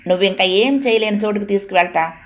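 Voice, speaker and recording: A woman's voice: medium pitch, fast, lightly acted. A woman voicing a cruel, threatening man who holds a mother captive in an audio novel. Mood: menacing. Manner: harsh, menacing. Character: cruel, threatening male captor.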